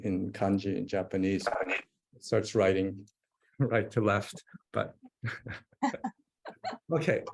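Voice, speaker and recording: Presenting a live webinar, a man demonstrates software and thinks aloud while typing, with frequent fillers and restarts. His voice is fairly low, gravelly, and warm.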